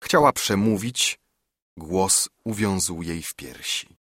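A man reading classic literary prose in a slow, measured storytelling voice. His voice sits low and husky, and it rises and falls expressively. The recording is dry and close. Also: lively intonation, fairly bright tone, no room sound. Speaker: narrator. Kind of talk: scripted literary narration.

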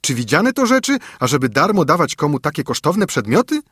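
A blustering old nanny, played by a man, pitched up and loud, hurling harsh accusations. Her voice is husky and the sound is close and dry. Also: big pitch swings, a little fast, no room sound, heavily acted. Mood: indignant.

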